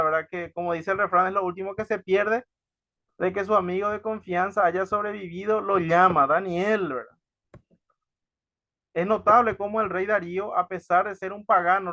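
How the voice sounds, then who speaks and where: A man's voice: sits high, fairly bright tone, no echo, lo-fi sound. A man teaching from the Bible, reading verses aloud and then explaining them, often asking his listeners for agreement. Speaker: preacher.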